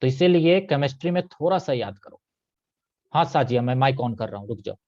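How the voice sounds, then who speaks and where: A man's voice: mid-range voice, lively intonation, a little fast, a little mellow, lo-fi sound. A man teaching a live online chemistry class, patiently repeating key points and checking that students follow.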